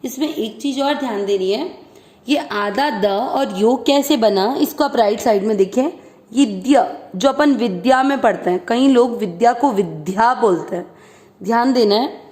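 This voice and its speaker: A woman with a high, light voice teaches verse pronunciation at an unhurried pace. She explains each syllable patiently and stretches out the chanted words. The room around her gives a noticeable echo. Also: darkish tone. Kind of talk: step-by-step recitation lesson. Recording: roomy echo.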